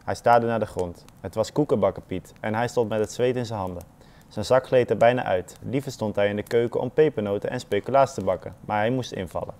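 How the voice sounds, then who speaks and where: A man reads a children's story in a calm, unhurried storybook style. His voice sits low and sounds mellow and dark. Quoted thoughts drop into soft, muttered asides. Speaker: footballer reading a children's story. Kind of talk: storybook reading.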